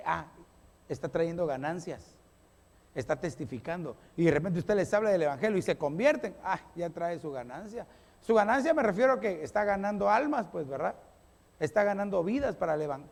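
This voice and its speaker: A man. He talks straight to the people, urging them on and acting out small everyday scenes. His voice rings through a large hall with a long reverb. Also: high voice. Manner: animated preacher addressing the congregation, acting out little scenes. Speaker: pastor. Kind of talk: sermon.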